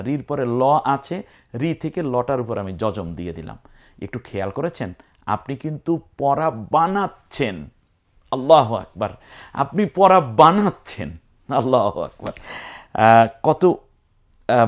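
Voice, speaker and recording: A man teaching Quran recitation step by step, spelling out sounds patiently and now and then chanting whole words in a drawn-out tone. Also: mid-range voice.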